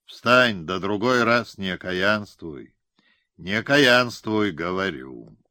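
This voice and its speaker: A man's voice: on the low side, lively intonation, slow pace, bright, forceful tone, no echo, clean studio sound, exaggerated voice. A man voicing a stern, irritable rebel leader who talks curtly, in an audiobook. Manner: curt and irritated. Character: stern, irritable peasant-tsar leader, male. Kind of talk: audiobook character reading.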